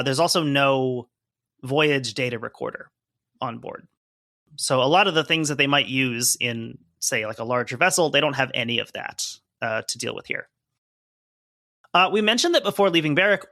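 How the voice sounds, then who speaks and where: A man's voice: medium pitch, normal speed, pushed and bright, no room sound, clean studio sound. A man co-hosting a podcast, reading from a report and chatting casually with lots of fillers. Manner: conversational, hedging with fillers while explaining. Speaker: podcast co-host.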